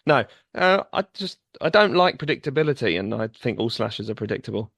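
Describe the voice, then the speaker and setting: Fast-talking gravelly man. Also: medium pitch, big pitch swings, fairly bright tone. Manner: quick, blunt, offhand. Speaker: podcast co-host. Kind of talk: casual chat.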